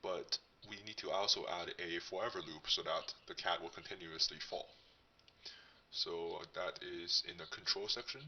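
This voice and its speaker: A man speaks in a disguised, very low voice put through a voice changer, with a sharp, forceful edge and a husky texture. He narrates a coding tutorial casually, thinking aloud as he goes. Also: steady tone, normal speed, recorded from a distance, highs cut off. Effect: voice changer, disguised deep voice. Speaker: tutorial host.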